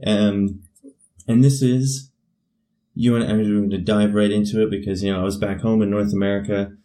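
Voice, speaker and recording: A man's voice: lowish voice, steady tone, normal speed, warm tone. A man with a Canadian accent chatting casually and loosely as a podcast co-host, often dropping in "you know". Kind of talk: casual chat.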